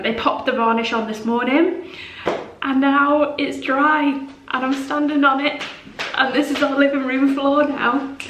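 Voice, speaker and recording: Give me a gushing woman vlogging in an echoey, cave-like room. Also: a little high. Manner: gushing, excitable, laughs often. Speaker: home vlogger. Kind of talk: casual vlog chat.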